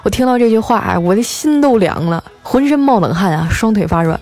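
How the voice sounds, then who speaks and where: A woman hosting a podcast, telling funny everyday stories in a lively, chatty way with drawn-out filler sounds. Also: medium pitch, dry recording. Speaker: podcast host. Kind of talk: scripted comedic storytelling. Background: faint background music.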